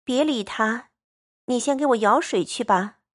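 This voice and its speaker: A woman voicing a delicate, sharp-tongued young noble girl in a storytelling reading, coy and prickly by turns. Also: fairly high pitch, unhurried, voice pushed up. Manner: coy teasing turning to tearful indignation.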